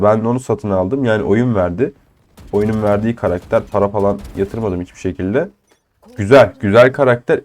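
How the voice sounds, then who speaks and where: Excitable young man commentating a shooter game. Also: medium pitch. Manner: excitable, swears and jokes at opponents. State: ill with a cold. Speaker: gaming channel host. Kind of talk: live gameplay commentary.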